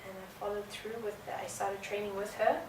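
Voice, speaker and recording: Recorded from afar in a roomy indoor art venue with constant background noise, this guest dancer from South Africa, in her early twenties, speaks at a medium pitch. She answers interview questions conversationally, earnest and thoughtful, frequently hesitating on fillers.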